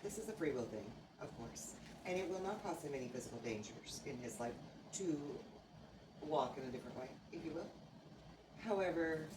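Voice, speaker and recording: A woman speaks as a trance medium in a remarkably deep voice. Her phrasing is formal and oracular, broken by halting pauses. She sounds distant in an echoey room. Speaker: trance channeler, seance medium. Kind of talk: seance medium channeling, answering questions in trance. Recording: noisy, echoey room, far from microphone.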